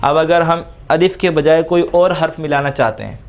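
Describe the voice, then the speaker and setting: A man's voice: a little high, moderate pace, background noise. A man teaching Quran reading, patiently drawing out each letter sound between step-by-step explanations. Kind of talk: slow step-by-step recitation lesson.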